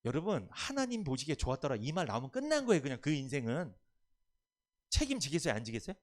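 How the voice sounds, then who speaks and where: A man's voice: fairly high pitch, wildly swooping pitch, fast. A man preaching a sermon as pastor at a church service, emphatic and quizzing the congregation with questions for them to answer.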